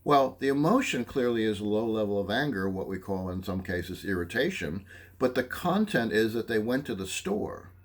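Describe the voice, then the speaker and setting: A psychology instructor with a lowish voice and normal pace lectures on listening skills. He is animated, often checking in with "okay?" and acting out short examples.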